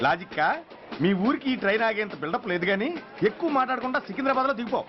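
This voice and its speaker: A man's voice: sits high, lively intonation. An actor playing a stern male train ticket checker who speaks curtly and bossily, in a dull film soundtrack with music behind. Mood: bossy. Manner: curt, bossy, quick.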